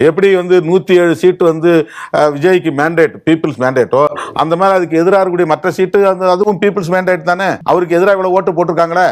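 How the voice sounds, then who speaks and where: Rapid-fire, argumentative man. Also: high-pitched, fairly even intonation. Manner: argumentative, reasoning aloud. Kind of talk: interview answer.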